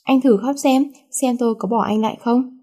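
A woman's voice: on the high side, steady tone, moderate pace, mellow, natural voice. A woman voicing a feisty teenage schoolgirl who scolds and then coaxes sweetly, her voice raised above her narrating tone. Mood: scolding. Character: feisty teenage schoolgirl, bossy yet caring.

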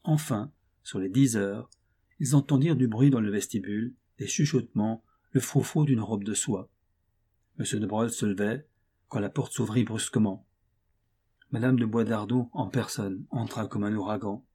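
A man reads a classic novel aloud in a steady, expressive audiobook narration. His voice is dark and mellow with a husky edge, and he paces the prose evenly. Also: fairly low pitch, moderate pace. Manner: steady, expressive literary reading.

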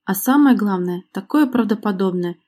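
A woman's voice: medium pitch, expressive, moderate pace, mellow, lightly acted. A woman reading an audiobook, voicing a wounded, angry young actress with a cutting, reproachful manner.

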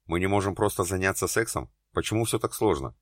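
A man's voice: sits low, animated, fast talker, dry recording, studio quality. A man reading an audiobook, voicing a conflicted man who talks in a curt, bitter way. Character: conflicted, curt man fighting his feelings.

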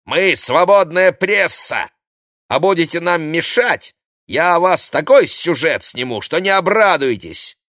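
A man's voice: mid-range voice, big pitch swings, measured pace, dry recording, clean studio sound, voice pushed up. A man voicing a brash, scheming female TV reporter who is pushy and domineering, in an audiobook. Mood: indignant, shrill. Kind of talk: audiobook character voice.

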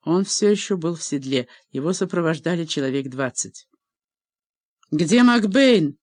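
A woman reading a novel aloud as an audiobook narrator, with an even, expressive delivery. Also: low-pitched, fairly quick, no echo, studio quality.

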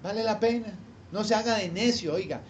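A high-pitched male pastor delivers a sermon to his congregation in a church hall. He keeps asking them rhetorical questions to pull them along. A faint background noise runs beneath his voice. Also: a little fast.

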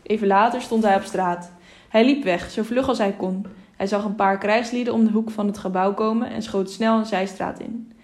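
A woman narrating a children's novel audiobook in a calm, even way. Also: mid-range voice, moderate pace. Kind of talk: storybook narration.

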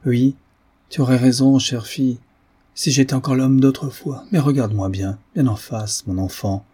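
A man's voice: fairly low pitch, normal speed, mellow, husky. A man reading aloud, voicing a guilt-ridden aging father who confesses to his daughter in an impassioned, declamatory way. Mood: remorseful.

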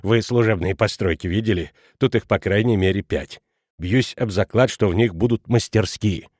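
A man's voice: lowish voice, normal speed, darkish tone, dry recording, studio quality, natural voice. A man reading an audiobook, voicing a cold, stiffly offended school director. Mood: matter-of-fact.

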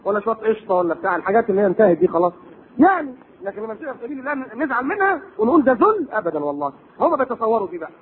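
A man's voice: sits high, sing-song, rapid-fire, a little hiss or hum. A man with an Egyptian accent giving a religious lecture, full of rhetorical questions and sarcastic asides. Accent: Egyptian Arabic. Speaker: preacher. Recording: tinny lo-fi tape recording.

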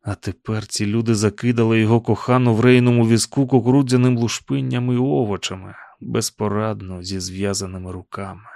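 A man narrating an audiobook in a calm, even storytelling manner. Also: fairly low pitch, fairly quick, creaky, hardly any pauses, dry recording, clean studio sound. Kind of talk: scripted narration.

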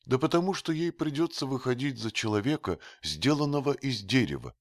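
A man voicing a timid, gentle youth with a high, soft boyish voice in a read-aloud story. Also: expressive, fairly quick, no echo, clean studio sound, lightly acted. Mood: pleading. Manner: pleading, teasing.

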